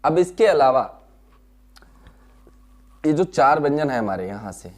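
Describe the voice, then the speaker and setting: A man teaching a lesson, explaining slowly, sounding out syllables one by one, asking questions and answering them himself. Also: on the high side, sing-song. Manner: explains slowly, repeats key terms and answers his own questions. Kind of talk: classroom lesson.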